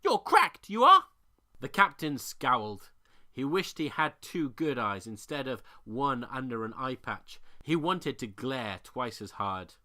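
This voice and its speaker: Storybook narrator, bright voice, lively, plain pitch. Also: measured pace. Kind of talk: storybook reading.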